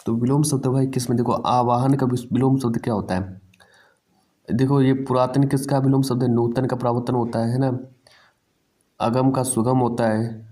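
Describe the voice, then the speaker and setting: A man's voice: medium pitch, steady tone, moderate pace, warm tone. A man teaching an exam-prep language lesson, drilling each word over and over and calling his students "bhai".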